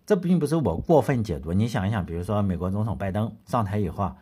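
A man's voice: fairly low pitch, expressive, fast, warm tone, husky. A man hosting a history podcast, telling the story in a blunt, colloquial way that is full of rhetorical questions and casual swearing.

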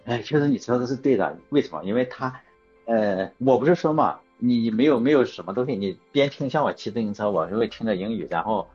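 Husky male host, animated delivery, casual rambling chat, dull lo-fi recording with faint music. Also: on the low side, brisk. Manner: rambling, anecdotal, self-correcting.

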